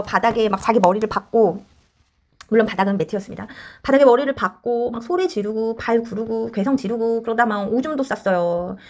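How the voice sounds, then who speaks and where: Animated fast-talking woman counselor. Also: on the high side. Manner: animated, acts out quoted voices. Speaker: child counselor. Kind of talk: explanatory parenting advice talk.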